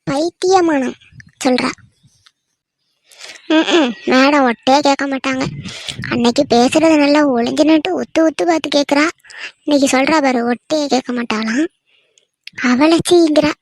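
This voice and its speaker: A grumbling, sharp-tongued village mother for a cartoon, as a woman voices her. Her voice sits high and is recorded dry and close, and she scolds and complains in long runs. She sounds weary and defensive. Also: moderate pace, long pauses, dry recording. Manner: grumbling, scolding, talks to herself. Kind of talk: cartoon voice acting.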